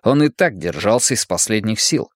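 A man narrating a fiction audiobook with steady, measured storytelling. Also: on the low side, no room sound, clean studio sound.

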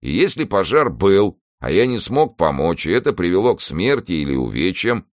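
A man's voice: deep voice, big pitch swings, moderate pace, no room sound, studio quality, voice pushed up. A man voicing a polite, procedural male emergency dispatcher in an audiobook reading. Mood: formal. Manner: formal, polite.

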